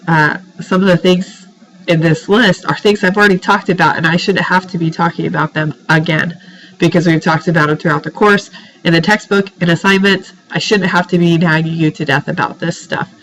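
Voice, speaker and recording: A writing teacher with a deep voice records informal feedback for her students while suffering a head cold, her nose stuffed and congested. She sounds exasperated and pleading, pressing firmly on her points. The audio quality is poor.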